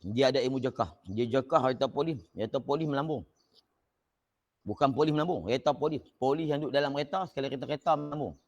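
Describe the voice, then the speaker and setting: A religious teacher animatedly shares an anecdote during an online class, his voice leaping upward whenever excitement takes hold. He talks fast in a mid-range voice.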